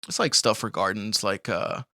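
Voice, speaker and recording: With a gravelly, fry-laced voice on the low side that still sounds bright and forward, a young man from Colombia shares his life story as a podcast guest in a casual interview. He rambles loosely at a moderate pace, full of "like" and "you know," laughs easily, and the dry recording sounds close.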